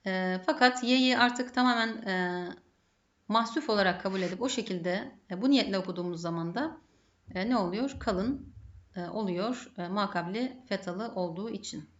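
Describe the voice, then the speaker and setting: A Turkish-accented woman talks through a grammar lesson in a methodical way, often putting a question and answering it herself. Her voice sits at an ordinary pitch, and the recording is dull and lo-fi. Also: normal speed. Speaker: Arabic grammar teacher.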